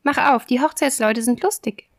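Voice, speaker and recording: A little storybook hare, voiced by a woman, calls in a high, urgent voice. He sounds eager and pleading as he knocks and asks again. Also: moderate pace. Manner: high, insistent calling. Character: small pleading male hare, eager bridegroom.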